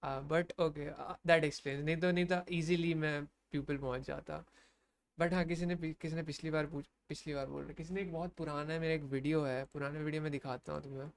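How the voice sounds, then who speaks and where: A man's voice: on the high side, flat delivery, fairly quick, gravelly, a little hiss or hum. A young man with an Indian accent, casually rambling about competitive programming, mixing Hindi and English.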